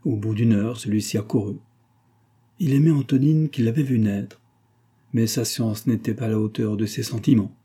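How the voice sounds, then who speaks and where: A man reading a novel aloud as an audiobook narrator, measured and even. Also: on the low side, husky.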